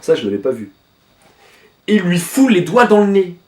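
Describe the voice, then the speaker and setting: A man's voice: high-pitched, big pitch swings, normal speed, reverberant, distant mic. Rambling young man reacting to a manga. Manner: informal, rambling, with many fillers and swearing. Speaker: manga reaction video host. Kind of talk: casual reaction commentary.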